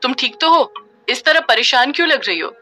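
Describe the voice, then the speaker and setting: A woman's voice: sits high, expressive, normal speed, sharp tone, faint music behind, pitched above the performer's own voice. A woman voicing a composed young man with powers of hypnosis, asking with concern in a supernatural audio story. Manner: concerned, questioning.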